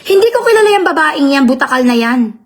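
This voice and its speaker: A woman with a notably high voice vents on a live stream, defending herself with indignation. She tells her story animatedly and keeps asking her listeners for agreement. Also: quick pace. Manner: animated storytelling, shifting pitch often. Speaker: concert promoter.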